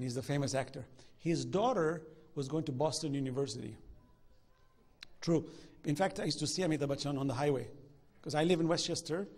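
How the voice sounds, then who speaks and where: A middle-aged man teaching a religious class, telling stories in a lively way and acting out what people said. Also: a little high. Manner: animated storyteller acting out quoted dialogue. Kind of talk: lecture with anecdotes.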